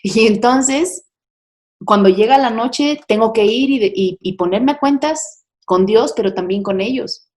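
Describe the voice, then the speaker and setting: A woman's voice: fairly high pitch, unhurried, darkish tone. Candid middle-aged woman sharing testimony. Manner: candid, confiding, chatty with many fillers. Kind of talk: personal testimony talk.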